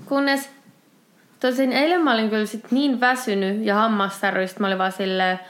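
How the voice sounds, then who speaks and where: A woman's voice: a little high, steady tone, a bit bright. A young woman co-hosting a podcast, telling everyday stories in casual chat, swearing freely and acting out her own reactions. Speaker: podcast co-host.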